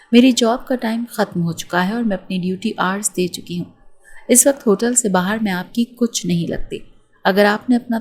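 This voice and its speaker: A woman's voice: lowish voice, a little mellow, close to an everyday voice. A woman voicing an angry, proud young working woman who scolds sharply.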